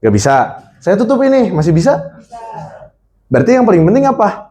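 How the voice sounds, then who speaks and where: A young man teaching a college seminar class on a handheld mic, lively and constantly quizzing his audience. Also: sits high, brisk. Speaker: seminar speaker. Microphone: handheld microphone.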